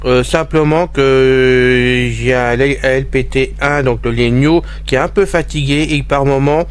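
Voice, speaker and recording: A man's voice: medium pitch, steady tone, measured pace, clear, resonant tone. A man presenting an informal step-by-step tutorial, talking straight to his listeners as he describes what he does. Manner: addresses listeners directly, narrating his own actions. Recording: faint hiss from recorder. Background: hiss.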